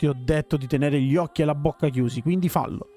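A man's voice: a little high, quick pace, mellow, soft background music, lightly acted. A man voicing a cruel, cowardly lab scientist who barks harsh, contemptuous orders.

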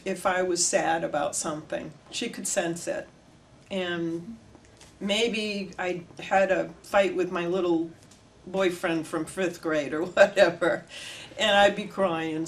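An older woman, an oral history interviewee, reminisces animatedly, gesturing with her hands as she tells her story in an indoor room in front of flags. Her voice is mid-range, with a little hiss or hum on the recording.

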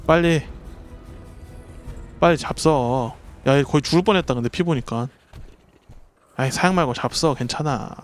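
A man's voice: on the high side, moderate pace, pauses often, soft background music. A man streaming a survival game, talking to his creatures and his chat and yelping when startled. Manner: excitable, yelps and swears when startled; talks to the creatures and the chat while playing. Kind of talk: live gameplay commentary.

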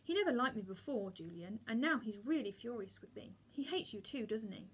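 A woman's voice: fairly high pitch, expressive, a little fast, husky. A woman reading the part of a spirited schoolgirl who talks earnestly and defensively. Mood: worried.

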